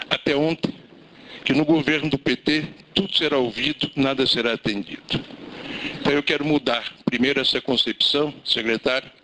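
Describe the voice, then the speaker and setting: A man's voice: medium pitch, pushed and bright, slight background noise, rough recording. A man representing private school owners, giving a formal, emphatic speech at a public hearing. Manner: emphatic, formal rhetorical speaking.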